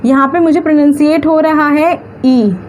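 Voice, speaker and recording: A woman with a high voice teaches a grammar lesson at an easy pace. She sounds words out slowly, syllable by syllable, and answers her own questions. A faint hum of traffic sits behind her. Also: fairly even intonation, darkish tone. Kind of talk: classroom-style grammar lesson.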